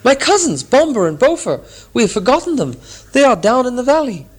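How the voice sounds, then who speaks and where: A male audiobook reader voicing a panicked male dwarf who cries out in a raised, high, loud voice. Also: very animated, brisk, heavily acted. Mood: alarmed.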